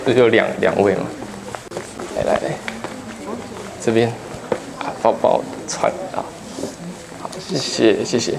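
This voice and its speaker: A man in his thirties from Kaohsiung, Taiwan, with a Taiwanese Mandarin accent, gives a humorous public talk with slides in a lecture hall. He's a public lecturer and travel writer whose fairly low voice is a little slow, with vocal fry and long pauses, as he tells stories and jokes with the audience. The hall sounds roomy, with faint background noise.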